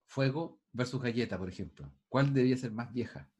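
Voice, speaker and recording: A man's voice: medium pitch, a little fast, darkish tone. Man lecturing over a video call. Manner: thinks aloud with many restarts, quizzes students. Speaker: teacher. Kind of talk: online class lecture.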